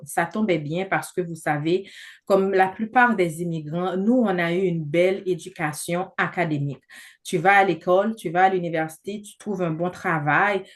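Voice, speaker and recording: Chatty woman pitching over a video call. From not from Canada. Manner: chatty, many fillers, persuasive. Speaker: presenter of a business opportunity.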